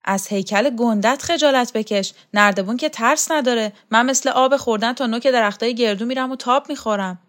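A woman's voice: a little high, few pauses, fairly bright tone, voice pushed up, natural voice. A woman voicing a bossy older servant woman who mocks and barks orders at a girl in an audiobook. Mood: scolding. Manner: harsh, mocking, barking orders.

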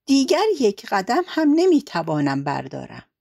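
A woman's voice: medium pitch, huge pitch swings, gravelly, darkish tone, full character voice. A woman voicing a worn-out, stubborn crow with a determined manner.

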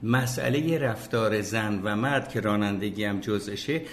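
A man's voice: lowish voice, slight background noise. An older man chatting casually as a podcast guest, opinionated and hesitant, with many fillers and restarts. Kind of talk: casual chat.

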